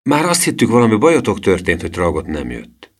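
A man's voice: fairly low pitch, big pitch swings, pitched above the performer's own voice. A man voicing an apologetic, envious boy in a gang of children in an audiobook. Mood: eager.

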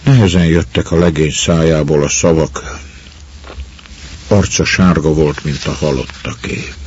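Very deep male narrator, husky, reading a story, dull muffled recording. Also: darkish tone, slight background noise.

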